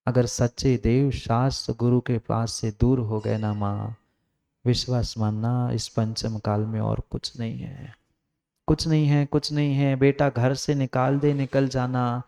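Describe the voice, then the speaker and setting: A man delivers a sermon as a monk, pressing his point through repeated phrases. He swings between raised, high-pitched urging and hushed, low passages. His voice is smooth and clear, at an ordinary middle pitch. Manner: emphatic, repetitive exhortation, swings from raised to hushed. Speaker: Jain monk preacher.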